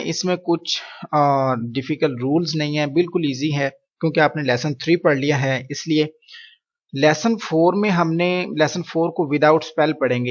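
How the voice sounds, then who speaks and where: A man teaching Quran reading, slowly modeling each letter sound and then explaining it. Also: on the high side, dull audio. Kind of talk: teaching Arabic letter pronunciation.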